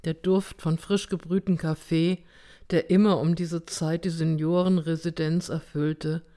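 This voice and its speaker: A woman reads a first-person story aloud with a slow, unhurried pace and a rather low voice. Her delivery is measured and steady, in the manner of an audiobook narration. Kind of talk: audiobook reading.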